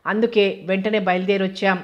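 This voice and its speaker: A woman reading a remorseful old-time pimp, flat and even. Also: medium pitch, brisk, lo-fi sound, natural voice. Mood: anxious. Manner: pleading, self-accusing. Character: remorseful middle-aged male pimp confessing.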